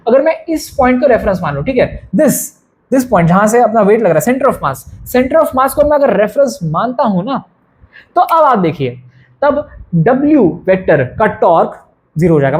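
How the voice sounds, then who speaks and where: A man's voice: high voice, a little mellow. A man teaching physics in an exam-prep lecture, repeating key phrases and often asking whether students are following.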